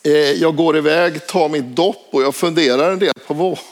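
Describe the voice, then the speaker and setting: A man telling a personal anecdote in a casual spoken way, hesitant and full of filler sounds. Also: on the high side. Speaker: storyteller.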